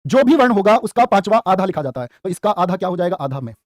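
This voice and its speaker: A man teaching spelling in a lively live class, asking questions and quoting couplets. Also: high voice, quick pace, dry recording, clean studio sound. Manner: calls students "प्यारे बच्चे". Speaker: Hindi teacher for exam prep. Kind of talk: live online exam-prep class.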